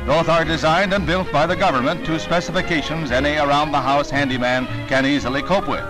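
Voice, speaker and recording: Male narrator, old newsreel, brisk and wry, loud music under the voice. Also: on the high side, steady tone, poor audio. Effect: old newsreel soundtrack.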